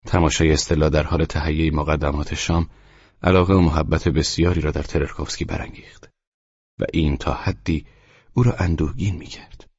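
Calm male narrator for a novel, husky and very deep, close and dry. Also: dry recording. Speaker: audiobook narrator. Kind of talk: scripted narration. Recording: dull, dry studio read.

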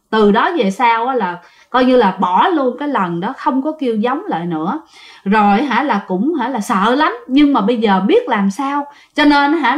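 Lively woman storyteller. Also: a little high. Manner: chatty, addresses listeners directly. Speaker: ghost story narrator. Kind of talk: storytelling of listener-sent ghost tales.

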